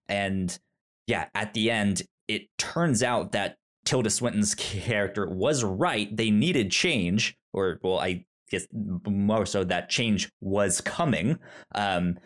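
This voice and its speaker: A man co-hosting a podcast chats casually about a film, often stammering and restarting his words. His voice is lowish and fairly bright, and he speaks at a slow pace.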